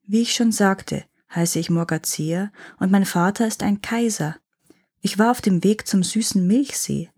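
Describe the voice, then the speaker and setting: Woman reading a fairy tale out loud, warm low-key tone, bit husky. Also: unhurried. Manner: calm, gently acted dialogue. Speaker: storyteller.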